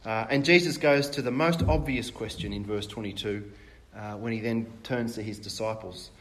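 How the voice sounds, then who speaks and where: A man preaching a sermon in a conversational way, asking rhetorical questions and pausing with fillers and restarts. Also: lowish voice.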